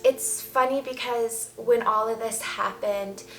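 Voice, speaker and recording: A woman with a voice on the high side talks slowly and in a steady tone, offering candid, emphatic opinions in a casual vlog to camera. Soft music plays faintly behind her, and the space sounds roomy and echoey.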